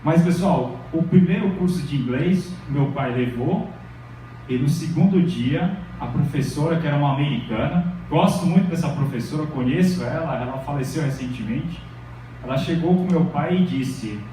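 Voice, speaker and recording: A fairly high, mellow male voice at a normal speed comes from a middle-aged Brazilian university professor. He lectures informally and conversationally, frequently checking in with the audience. The sound is distant and very echoey, from a large lecture hall, with a slight hiss or hum.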